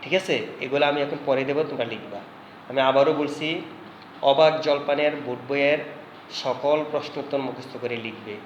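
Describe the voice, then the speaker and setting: A man with a Bangladeshi Bengali accent teaching a home lesson, dictating word lists slowly and repeating them for students. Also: mid-range voice, steady tone, muffled recording, a little hiss or hum. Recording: echoey room with faint ambience.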